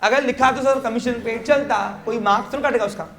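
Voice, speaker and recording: A man's voice: extremely high pitch, quick pace, fairly bright tone. Hindi-speaking male teacher in an echoey classroom. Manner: keeps quizzing the class with short check questions; mixes English terms into Hindi explanation. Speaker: commerce teacher. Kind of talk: classroom lecture. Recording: roomy classroom echo.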